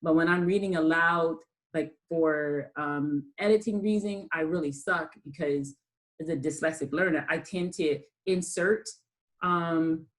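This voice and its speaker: A lower-pitched woman leads a college writing class over a video call. She speaks casually and often pauses with ums and restarts. Her voice sits on the deep side for a woman. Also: rough recording. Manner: hesitant, many ums and restarts. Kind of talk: online class lecture.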